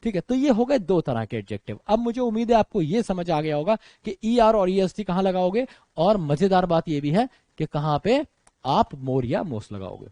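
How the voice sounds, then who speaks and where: A lively Indian English-accented male teacher explaining grammar to exam students, his voice leaping high and low as he talks. His tone is mellow and warm rather than sharp. The sound is dry and close, with no room echo. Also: normal speed. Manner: animated, addresses students as friends and brother, mixes English into speech. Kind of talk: exam-prep grammar lecture.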